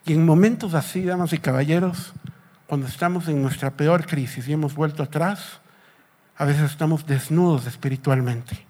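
A man's voice: fairly high pitch, normal speed, mellow. A man preaching a sermon, telling the story dramatically and acting out the scenes.

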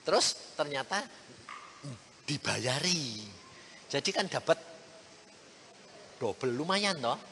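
A man, preaching a storytelling sermon, animated and acting out the people in his story while speaking to his listeners directly. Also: mid-range voice. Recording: reverberant hall with faint ambient noise.

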